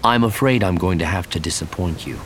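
A man reading the lines of a calm, shrewd male Jedi master in a cool, measured way. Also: sits low, slight background noise.

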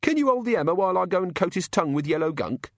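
A man voicing a small, cheeky male imp in a storybook reading, shrill and cocky. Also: animated, very fast, dry recording, clean studio sound.

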